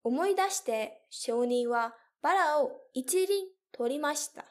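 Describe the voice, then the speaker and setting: A young woman teacher telling a story slowly and carefully for learners, with clear, deliberate phrasing. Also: high-pitched, expressive. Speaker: language teacher.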